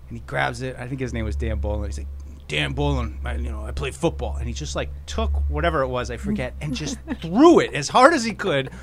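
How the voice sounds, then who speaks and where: A younger man co-hosts a sports podcast in easy banter. He tells animated anecdotes and laughs often. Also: on the high side. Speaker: podcast co-host. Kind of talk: casual sports chat.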